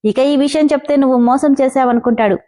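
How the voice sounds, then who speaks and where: A woman voicing an obsessive, mocking young man in a storybook reading, in her own high, mellow voice. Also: steady tone, quick pace, natural voice. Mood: taunting. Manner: taunting, possessive.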